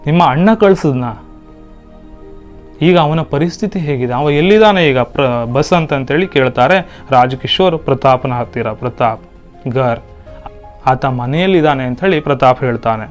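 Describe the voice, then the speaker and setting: Male teacher, reads hindi lines then explains them, mid pitch, bit of music behind. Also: animated, moderate pace. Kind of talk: lesson explaining a Hindi play in Kannada.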